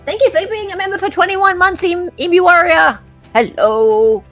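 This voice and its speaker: Speaking at normal speed in a very high-pitched, fairly bright voice, an Australian livestream host mixes dramatic readings with sarcastic, bantering commentary. Music plays behind her on dull, lo-fi audio.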